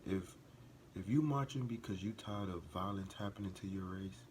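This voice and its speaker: Low-voiced guy doing a heated reaction vid, keeps repeating himself and gets louder, faint hiss under it. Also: normal speed. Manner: earnest and impassioned, rising to emphatic outbursts; repeats and restarts phrases while building a point. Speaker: reaction video host. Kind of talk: casual reaction commentary.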